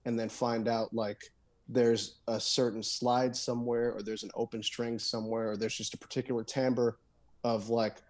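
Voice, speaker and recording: A guitarist and songwriter talks on a podcast in a mid-range voice, flat in delivery, moderately paced and a little mellow. It's casual conversation, rambling and loose, with frequent fillers, restarts and "dude."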